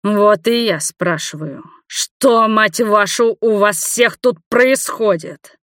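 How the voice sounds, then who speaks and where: A woman's voice: lowish voice, steady tone, normal speed, no echo, clean studio sound, natural voice. A woman voicing an agitated male doctor who fires off heated, almost hysterical questions.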